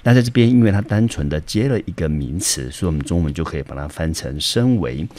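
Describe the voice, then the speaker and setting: A man's voice: low-pitched, expressive, quick pace, a little mellow. A man teaching English vocabulary in Mandarin with a Taiwanese accent, explaining patiently step by step. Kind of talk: vocabulary lesson.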